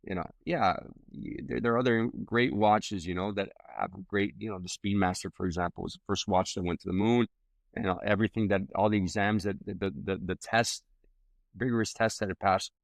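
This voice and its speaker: A very low-voiced man chats as a podcast guest. He restarts and repeats words as he talks. The sound is close and dry. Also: steady tone, fairly quick, no echo. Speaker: guest singer-songwriter. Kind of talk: casual interview chat.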